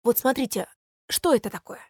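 Woman playing a patient storybook chimney sweep, male, reasonable, somewhat high voice, dry sound. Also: a little fast, breathy edge, no room sound. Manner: calm, reasonable, explaining patiently. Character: cheerful good-natured man, a chimney sweep and judge. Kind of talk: storybook reading.

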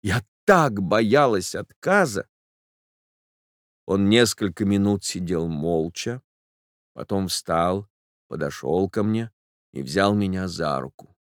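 A man's voice: low voice, no echo, clean studio sound. Man narrating a classic novel. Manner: expressive, measured storytelling. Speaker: audiobook reader. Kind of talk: literary audiobook narration.

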